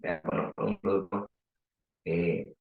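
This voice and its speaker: A man's voice: low-pitched, steady tone, unhurried, creaky, roomy sound, phone-quality sound. A man with a Peruvian accent teaching a language class, questioning his students and explaining with examples. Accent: Peruvian Spanish. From Peru. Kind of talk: online class lecture.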